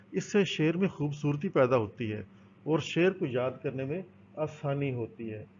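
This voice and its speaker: Patient male teacher, lo-fi recording. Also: on the high side. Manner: explains patiently, asks and answers own questions. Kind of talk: recorded school lesson. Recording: dull, lo-fi with faint noise.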